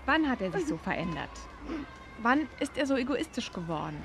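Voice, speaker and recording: High-voiced, probing female confidante. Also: very animated, fairly quick, a bit bright, slight background noise. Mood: disapproving, probing. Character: disapproving, curious female confidante. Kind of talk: audio drama acting.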